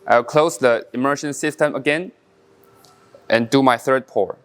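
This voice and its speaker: A Taiwanese man, a coffee brewing champion, gives a casual brewing demonstration in a mid-pitched, clean-toned voice. His delivery is relaxed, with pauses and fillers, and his non-native English is halting as he explains things step by step.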